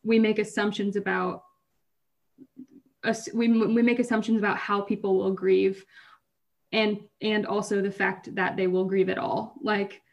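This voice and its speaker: A woman co-hosts a podcast in a medium-pitched, level voice, speaking a little slowly. She talks casually and rambles, often cutting herself off and laughing as she tells hard stories.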